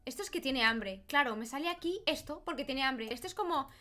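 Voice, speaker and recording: A woman's voice: high voice, animated, a little fast, pushed and bright. A young woman with a Spanish accent from Spain, commenting casually on a game she is playing at home and squealing over cute things, on a desk microphone with faint game music behind her. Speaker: gaming YouTuber. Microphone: desk microphone with headphones.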